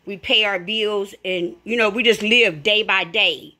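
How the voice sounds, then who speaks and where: A middle-aged woman vlogs her family cookout, chatting casually and directly to viewers as she walks them through her home kitchen and out to the backyard. Her mid-range voice is pushed and bright, at a measured pace, on a dry recording.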